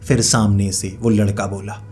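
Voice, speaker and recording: A man's voice: lowish voice, flat delivery, moderate pace, a little mellow. A man narrating a horror story in a conversational way, repeating phrases to build suspense. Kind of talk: casual spoken horror narration.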